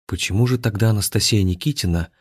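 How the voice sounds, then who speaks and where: Deep-voiced man narrating a story. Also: quick pace, breathy edge, no echo, studio quality. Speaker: audiobook narrator.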